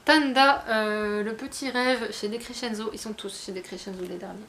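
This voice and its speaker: A woman's voice: mid-range voice, fairly even intonation, moderate pace, heavy background noise. A woman chatting casually, rambling with many fillers and restarts. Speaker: book vlogger. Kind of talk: casual chat.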